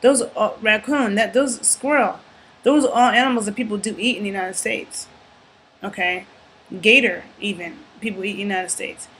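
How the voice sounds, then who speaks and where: A woman giving an earnest, emphatic talk to camera about food, often checking in with "okay?" and pausing to think aloud. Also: medium pitch, a bit bright, husky, poor audio. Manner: thinks aloud with fillers and restarts. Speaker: YouTube commentator. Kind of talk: casual talking-to-camera commentary.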